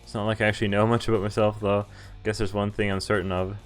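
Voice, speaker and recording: Over game music, a man streams a visual novel, reading its text aloud and adding casual, joking commentary with amused asides. His fairly low voice keeps a level tone at a fast clip.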